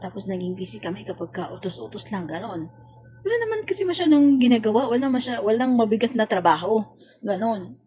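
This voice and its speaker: A woman's voice: medium pitch, fairly quick, husky. A Filipina woman, a domestic worker, venting about a coworker in a casual, exasperated vlog rant. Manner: exasperated, complaining, animated retelling.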